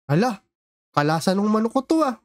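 A man with a Filipino accent doing playful Minecraft roleplay banter, swinging between high excited shouts and low mutters. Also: a little fast, no echo, studio quality.

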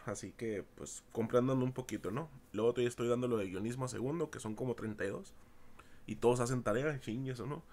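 A middle-aged man, a university audio teacher giving a loose, repetitive recorded lecture to his students. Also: medium pitch. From Mexico. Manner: informal, repeats himself, addresses students as chicos. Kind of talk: screen-recorded class lecture.

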